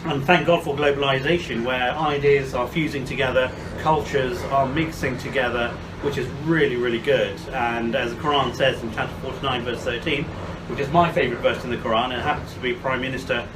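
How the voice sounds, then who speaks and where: Man from Bangladesh, measured talk, distant mic, noisy outdoor background. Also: medium pitch, steady tone. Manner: measured, frequent filler pauses. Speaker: commentator. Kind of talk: outdoor video monologue. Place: outdoors by the sea.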